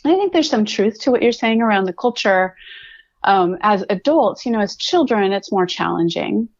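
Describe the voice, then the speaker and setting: A woman's voice: medium pitch, animated, moderate pace, no room sound. A woman from California, a podcast guest, speaking reflectively and restarting her sentences. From California, USA. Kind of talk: casual conversational interview. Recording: dull, dry lo-fi sound.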